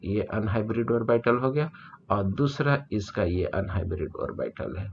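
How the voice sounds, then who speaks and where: A man lecturing on chemistry, reading English definitions slowly and explaining them in Hindi. He checks in with students often. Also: fairly low pitch, animated, creaky, muffled recording, a little hiss or hum. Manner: explanatory, repeats "ठीक है" often to check understanding. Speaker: chemistry teacher.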